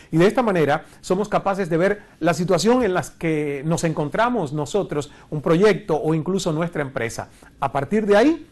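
A course instructor in his forties, originally from Cuba, gives a recorded online lecture from a studio, standing before a screen with a lapel mic. His voice is on the high side and a little mellow, his manner earnest, and he leans on rhetorical questions.

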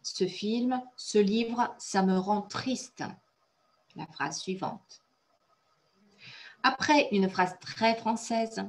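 Woman teaching french, native russian speaker, slow clear explaining, lots of "bravo". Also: medium pitch. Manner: encouraging, praises students often; explains and translates phrases step by step. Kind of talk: online conversation class.

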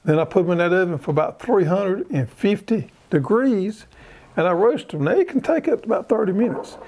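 A man with a Southern American accent, chatting in a slow, folksy way as he explains his garden. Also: high-pitched, animated, vocal fry, darkish tone. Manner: folksy, drawling, unhurried. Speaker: garden show co-host. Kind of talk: casual how-to chat.

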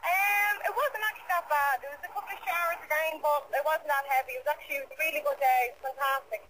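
A woman's voice: sits high, quick pace. A woman calling in to a radio show over a phone line, polite and cheerful, giving brief answers. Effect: heard over a phone line. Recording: loud line noise on a phone call.

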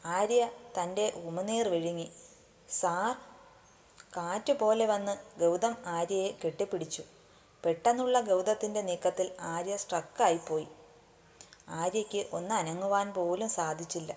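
Mellow-voiced woman storyteller. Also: lowish voice, moderate pace. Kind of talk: storybook narration.

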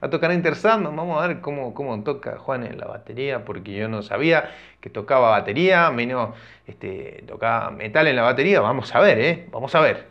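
A man's voice: medium pitch, animated, fairly quick, fairly bright tone, lo-fi sound. A young man, chatting casually as he reacts to a concert clip and thinking aloud with fillers and restarts. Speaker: reaction video host. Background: music from the video.

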